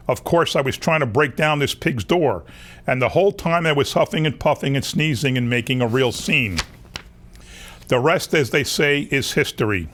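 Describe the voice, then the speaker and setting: A man's voice: fairly high pitch, a bit bright, close to an everyday voice. A man reading a children's picture book aloud as a wolf who insists he was wronged, in a folksy, confiding way. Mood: aggrieved. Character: wronged, self-excusing male wolf telling his story. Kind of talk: children's storybook narration.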